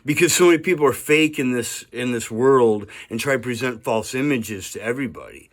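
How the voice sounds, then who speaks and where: Speaking a little fast, with a mid-range voice and lively intonation, a man in his fifties vlogs in a casual monologue to camera. He rambles earnestly, leans on "right?" and "you know", and chuckles now and then.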